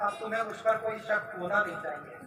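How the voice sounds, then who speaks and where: A man playing a young suitor who turns into a shouting, domineering husband in an amateur stage skit, heard through a distant PA in an echoey hall. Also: high voice, brisk, a crowd in the background, close to an everyday voice. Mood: coaxing. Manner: shouting, bossy.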